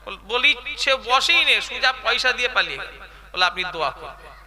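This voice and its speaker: A man's voice: high-pitched, very animated, normal speed, sharp tone, big-room sound. A man preaching a waz sermon, chatty and quizzing the crowd with questions.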